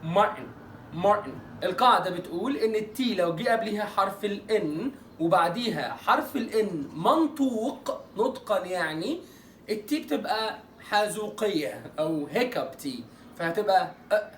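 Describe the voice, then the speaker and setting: A man with an Egyptian Arabic accent teaching English pronunciation in an online lesson. He jokes playfully and draws out example words slowly. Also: high-pitched, animated, roomy sound, recorded from a distance, slight background noise.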